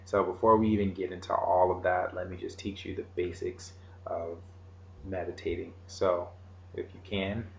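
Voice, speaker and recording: A man giving an informal meditation lesson in casual, halting, unscripted phrasing. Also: low-pitched, little pitch movement, vocal fry. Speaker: meditation teacher. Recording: roomy echo, faint background noise.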